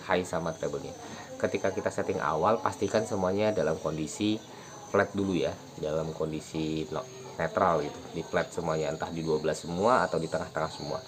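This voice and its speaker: A man giving a relaxed, casual guitar tutorial, explaining step by step with fillers, recorded outdoors in a village. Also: sits low, background noise. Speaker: guitar teacher. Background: crickets and insects, a passing motorbike.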